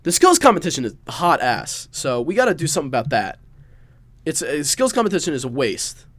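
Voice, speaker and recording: A man's voice: on the high side, big pitch swings, a little fast, fairly bright tone, no echo. A young man with a stuffed-up, nasal voice, hosting a casual solo sports podcast in a rambling, jokey way. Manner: rambling, jokey, self-mocking asides. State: stuffed-up nose, congested. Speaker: podcast host.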